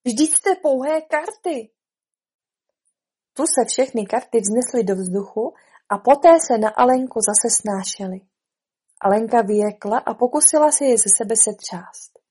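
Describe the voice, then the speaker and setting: A woman narrating a storybook in a calm, expressive way. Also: a little high, breathy edge.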